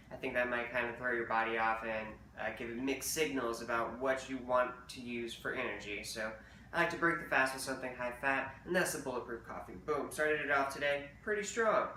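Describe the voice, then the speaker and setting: A man's voice: mid-range voice, sharp tone, distant mic, slight background noise. A man rambling casually through a diet update vlog, with lots of fillers and restarts. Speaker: vlogger. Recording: roomy, off-mic with faint ambience.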